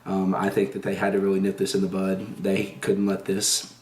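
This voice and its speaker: A man's voice: deep voice, completely flat delivery, moderate pace, darkish tone. A man of twenty, a student interviewee, speaking hesitantly and restarting his sentences. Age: 20s. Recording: echoey room, distant mic.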